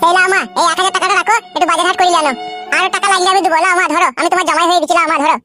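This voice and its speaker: A woman's voice: very high voice, fairly even intonation, racing, pushed and bright, faint music behind. A woman voicing a pushy young suitor who coaxes an older woman in a comic cartoon. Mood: coaxing. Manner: coaxing, repeating "mother". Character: smooth-talking young suitor, wheedling and pushy.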